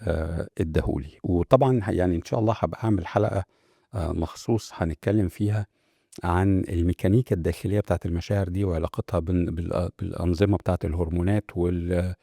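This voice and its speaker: Fast-talking deep gravelly Egyptian man. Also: fairly even intonation, dark tone, no echo, clean studio sound. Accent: Egyptian Arabic. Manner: conversational, many fillers and restarts, addresses viewers directly. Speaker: host. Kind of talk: casual self-help talk.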